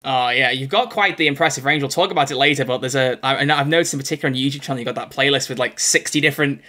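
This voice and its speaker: A young man hosts a podcast interview over a video call from a small room at home, talking to his guest in a chatty, gushing, rambling way. His mid-range voice is pushed and bright, and he speaks very fast.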